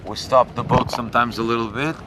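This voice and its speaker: Police officer talking on a noisy boat. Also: male voice, mid-range voice, fairly even intonation, fairly quick. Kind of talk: on-location interview. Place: patrol boat on the water, outdoors. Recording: distant mic with loud boat and wind noise.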